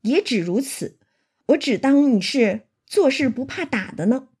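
A woman's voice: high-pitched, expressive, unhurried, warm tone, breathy edge, exaggerated voice. A woman voicing a stern young swordsman who mocks and commands a beaten bully in a retold classic story. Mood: cold scorn. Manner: cold, mocking, commanding.

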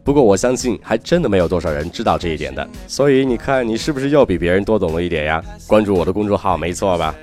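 A man with a low voice teaches English pronunciation on a podcast. His pitch swings up and down a lot as he chats, and he drags out the English model sentences slowly and carefully. Soft music plays faintly behind him. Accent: American-style English. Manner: lively, chatty teacher, slows right down to model English.

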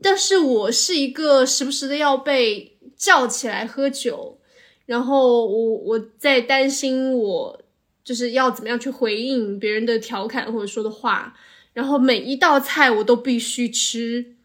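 Higher-voiced woman, casual and analytical. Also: measured pace. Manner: analytical, explains at length with occasional English filler. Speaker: podcast co-host. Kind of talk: casual reflective conversation.

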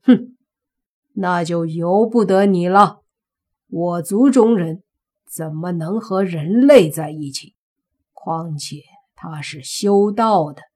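A woman reading an audiobook and voicing a stern, proud middle-aged father who speaks gruffly and scolds slowly and weightily. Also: lowish voice, dark tone.

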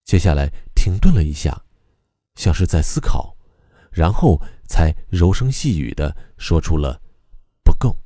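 A man teaching how to recite a poem, explaining calmly and methodically with frequent pauses. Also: sits low, no echo, clean studio sound. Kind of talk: explanatory lesson on reading poetry aloud.

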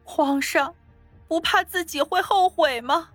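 Woman voicing a young imperial consort, wronged, tearful pleading, sharp bright tone, dry close sound. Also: very high voice, unhurried, no echo, faint music behind, heavily acted. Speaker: voice actor. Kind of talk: Chinese palace audio drama acting.

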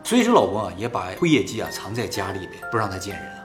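Guy doing casual fireside storytelling, talks fast n animated, explains stuff as he goes, bit of music under. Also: on the low side. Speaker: host and storyteller. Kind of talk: casual storytelling narration, like telling an old tale by the fire.

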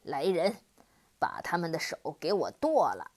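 A woman voicing a boastful, cruel horned demon king in a children's storybook reading, with a gloating, booming delivery. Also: very animated, a little slow, heavily acted. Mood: menacing.

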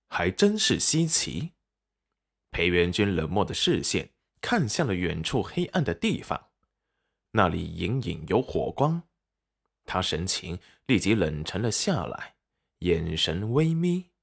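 A man narrating a serialized web novel audiobook with expressive storytelling. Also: sits low, creaky, slightly rough.

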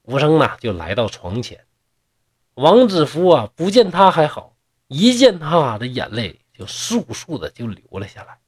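A man's voice: fairly high pitch, very animated, normal speed, slightly rough. A man with a Northeastern accent retelling a classic tale in folksy oral storytelling, chatty with asides to his listeners. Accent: Northeastern Mandarin.

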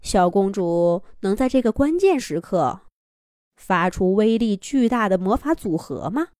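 Expressive woman narrating a children's fairy tale. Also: mid-range voice, measured pace, no echo, studio quality. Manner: expressive, dramatic storytelling. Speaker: children's storyteller.

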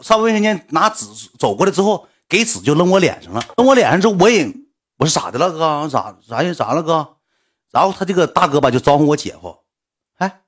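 A man's voice: on the high side, slightly rough. A man telling a story in casual, blunt speech, swearing often and filling it with sound words.

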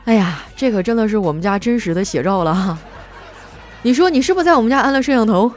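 A woman hosts a comedy segment in a higher-than-average voice that swoops up and down as she reads out listeners' jokes. She jumps in with playful, teasing jabs and self-mocking remarks. Light music plays faintly beneath her. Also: animated, fast. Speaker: radio-style host reading listener jokes. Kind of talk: comedic joke reading and banter.

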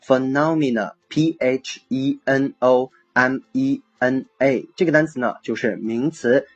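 A husky-voiced man with Chinese as his first language hosts a casual English vocabulary lesson. He is chatty and jokey and spells words out letter by letter at a middling pitch. Soft music plays faintly underneath. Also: dull audio. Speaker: English vocabulary teacher and podcast host.

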